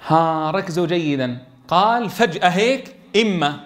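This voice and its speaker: A man's voice: high voice, lively intonation, normal speed, fairly bright tone. A man leading a classroom tajweed lesson for Quran teachers, explaining step by step and checking in with his students.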